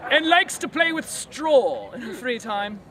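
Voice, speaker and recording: Street performer, high lively voice, playful and giggly, outdoor crowd behind. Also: male voice, heavy background noise. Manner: playful, giggly, feeds lines for volunteers to repeat. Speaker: street performer narrating a play. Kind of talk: comic improvised storytelling to a crowd. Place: outdoor fair stage.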